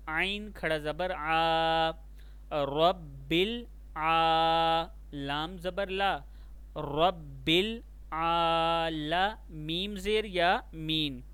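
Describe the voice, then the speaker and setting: A man leads a recitation lesson at a very slow, deliberate pace. He spells out each letter and vowel mark before chanting the word, drawing out the long vowels. His voice is smooth and resonant, recorded close and dry, with a slightly raised pitch. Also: fairly bright tone, dry recording. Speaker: Quran recitation teacher.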